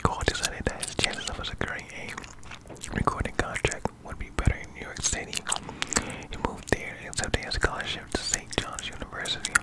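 A young man whispers softly as an ASMR host, reading aloud close to the microphone while chewing gum. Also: rough recording. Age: young adult. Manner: soft, unvoiced whisper throughout. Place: small indoor room. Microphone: close condenser microphone with furry windscreen.

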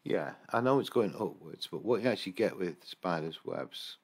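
A husky, low-pitched, expressive voice belongs to an English paranormal investigator who talks at a moderate pace while checking security camera footage on his computer. His casual commentary, captured by screen recording, wanders with many fillers and restarts.

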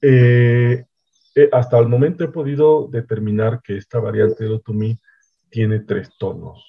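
A man giving a measured academic lecture, often checking in with his listeners. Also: mid-range voice, steady tone, gravelly, slightly rough. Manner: explanatory, measured, frequent "¿no?" checks. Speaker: linguistics researcher giving a lecture. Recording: dull lo-fi online talk audio.

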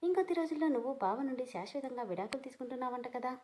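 A woman's voice: high voice, lively intonation, racing, darkish tone, slight background noise. A woman voicing a coy, scheming younger sister in a read-aloud story, sweet-talking and needling.

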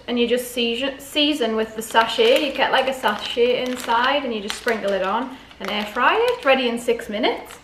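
A high-sitting, slightly bright female voice belongs to a vlogger in her forties displaying a grocery haul. She talks casually to the camera, regularly questioning herself aloud, inside a home dining room whose echo and background noise are clearly audible.

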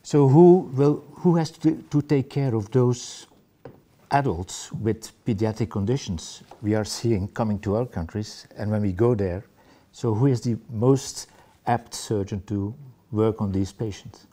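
Guy in his 40s asking the panel something, warm dark voice, kinda earnest. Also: fairly low pitch, unhurried. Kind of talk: panel question. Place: wood-panelled library meeting room.

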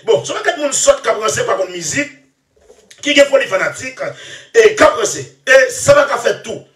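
Excitable man, high bouncy voice. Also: moderate pace. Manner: excitable, laughs often, trails off into mumbles. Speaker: musician interviewee. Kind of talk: animated rambling interview talk. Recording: echoey room, far from mic.

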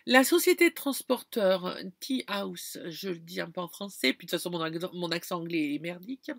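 A woman's voice: lowish voice, expressive, moderate pace, creaky, fairly bright tone, no room sound, studio quality. A woman from France talking casually to her viewers, explaining things with lots of fillers and restarts. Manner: chatty, many fillers and restarts, addresses viewer directly. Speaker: vlogger. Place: campground.

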